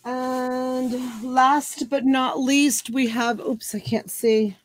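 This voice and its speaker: Her voice sits high with little pitch movement and an extremely slow delivery. A woman in her forties, she hosts a casual live-stream auction from a home room full of plush toys and a dress form, using a computer webcam, chatty and folksy as she lingers on calls for bids.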